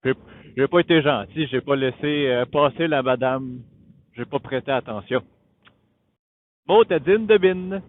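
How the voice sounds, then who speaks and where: On his own channel, a motovlogger with a Quebec French accent and a voice on the high side talks through tech casually from his motorcycle outdoors, halting and thinking aloud. His Bluetooth helmet intercom gives a muffled, phone-like sound, with riding noise underneath.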